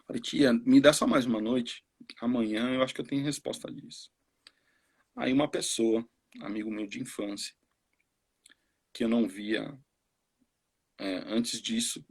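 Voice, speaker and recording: A man's voice: medium pitch, fairly even intonation, moderate pace, long pauses, breathy edge. A Brazilian missionary in his forties telling his story casually, acting out the voices of the people he quotes. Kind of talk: casual testimony on a live stream.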